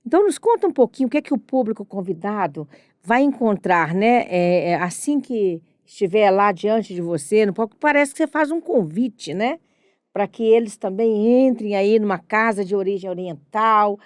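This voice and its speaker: A woman's voice: mid-range voice, lively intonation, normal speed, no room sound, studio quality. A middle-aged woman hosting a podcast, enthusiastic and affectionate as she introduces and questions her guest. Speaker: podcast host. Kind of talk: casual interview.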